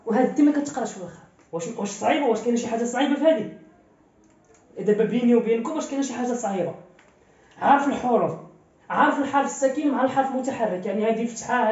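A woman's voice: a little high, warm tone. A woman with a Moroccan Arabic accent teaching French reading, patient and repetitive, often checking that the class follows. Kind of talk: online lesson explanation. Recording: distant echoey dull recording.

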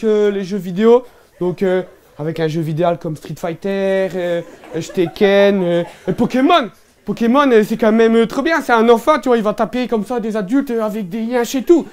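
A man's voice: high-pitched, darkish tone, close to an everyday voice. A man with a Northern French ch'ti accent playing a boorish young lout in a one-man stand-up show, rambling and slangy with lots of fillers. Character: boorish young ch'ti man, brash, absurd, loud-mouthed. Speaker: stand-up comedian in character.

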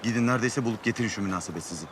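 A man's voice: fairly low pitch, rapid-fire, noisy background, natural voice. An actor playing a commanding, wry Ottoman sultan in a period drama.

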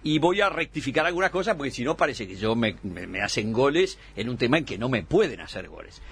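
A man's voice: mid-range voice, big pitch swings, fast talker, vocal fry, a bit bright, husky. A man, a debate guest making dry, combative rebuttals in a radio political debate. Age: 60s.

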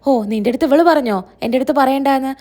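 A woman's voice: sits high, very fast, warm tone, close to an everyday voice. A woman voicing a stern grandmother who scolds her family in a reproachful way. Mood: scolding.

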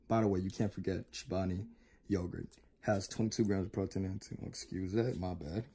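A young man chats casually as he demonstrates something for his vlog in a home kitchen. His voice sits at an average male pitch. Clear household noise runs behind him. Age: young adult. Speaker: vlogger. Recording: noisy kitchen, vacuum running.

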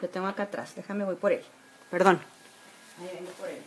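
A woman's voice: on the low side, fairly quick, noisy background. A woman, chatting casually through a makeup tutorial at home, with a lot of filler words. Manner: chatty, homely, many fillers. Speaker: beauty vlogger. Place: bedroom at home. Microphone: phone camera at arm's length.

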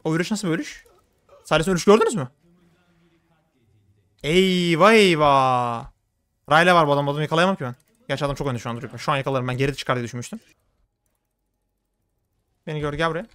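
A young man commenting on his own game as he plays, talking fast and getting worked up. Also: fairly high pitch, no echo. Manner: rapid, excitable, swings into frustrated outbursts. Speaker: gaming streamer. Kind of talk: live gameplay commentary.

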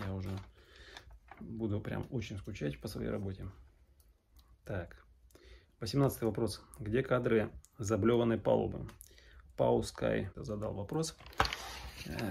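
A sailor in his thirties from Arkhangelsk in northern Russia answers questions in a casual vlog, his phrasing hesitant and broken. Recorded in a small room at home with background noise, his voice is on the low side with vocal fry.

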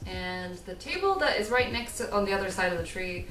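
Giving a home tour, the same kind of chatty, self-deprecating thirty-something craft vlogger laughs frequently while speaking a little fast in an expressive, mid-range voice. She's indoors in her living room, captured with a roomy, distant sound and music playing in the background.

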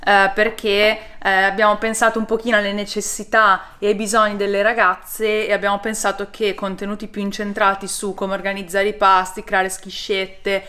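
A young woman vlogging casually at home in her kitchen, chatty and animated, now and then dropping English phrases. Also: medium pitch, moderate pace, hardly any pauses. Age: young adult. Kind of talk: casual vlog chat. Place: home loft kitchen, indoors.

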